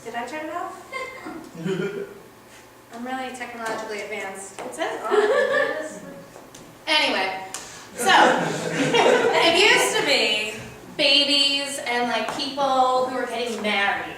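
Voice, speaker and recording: A woman's voice: high voice, very animated, slow, long pauses. A young woman from New York doing a stand-up comedy set, ranting in an exasperated way and laughing at her own jokes. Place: small comedy club stage. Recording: echoey club heard from far off, noisy.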